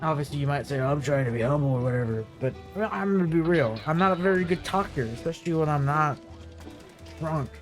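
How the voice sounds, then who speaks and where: A man's voice: fairly high pitch, expressive, fairly quick, faint music behind. A young man in his twenties with hiccups, giving rambling, profane, casual commentary over his gameplay, full of fillers. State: has hiccups. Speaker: gaming video creator.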